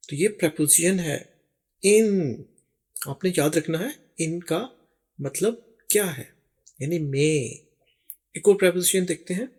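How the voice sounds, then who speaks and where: A man teaching English phrases, explaining slowly and repeating each English word over picture slides. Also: sits high, darkish tone, breathy edge. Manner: slow, deliberate, explains step by step and repeats English words. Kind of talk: spoken language lesson over picture slides.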